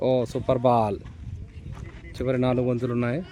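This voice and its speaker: A man giving excited amateur ball-by-ball cricket commentary on an outdoor ground. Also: mid-range voice, fairly quick. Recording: noisy outdoor ground, vehicle and nature sounds.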